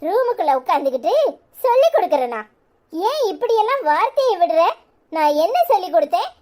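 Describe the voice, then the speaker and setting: A woman voicing a gentle, wronged young wife in a cartoon, pleading and hurt, with a Tirunelveli Tamil accent. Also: sing-song, fairly quick. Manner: pleading and hurt, softer and lower.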